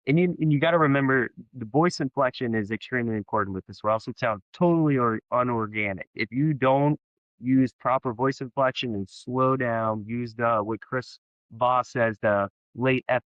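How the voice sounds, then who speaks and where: A man teaching a sales technique in a casual explainer video, talking in a halting way with many fillers and restarts. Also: medium pitch, dry recording, muffled recording. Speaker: sales trainer.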